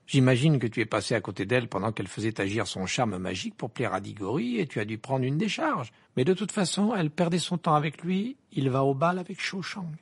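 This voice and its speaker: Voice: medium pitch, lively intonation, brisk, hardly any pauses, slightly rough. A reader voicing a shy, easily embarrassed younger teenage girl who hesitates and hums, in an amateur audiobook reading. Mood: consoling. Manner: hesitant, full of ums.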